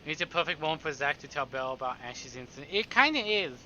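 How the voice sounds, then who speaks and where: With lively intonation and a quick pace, a man with a fairly high, pushed, bright voice reads visual novel narration aloud on stream and tosses in playful, sarcastic jokes. Slight background noise and game music accompany the dull, lo-fi recording.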